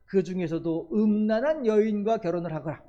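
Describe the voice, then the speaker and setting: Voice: mid-range voice, fairly quick, mellow, muffled recording, natural voice. A preacher voicing God as a male divine voice giving solemn, old-fashioned commands in sermon storytelling.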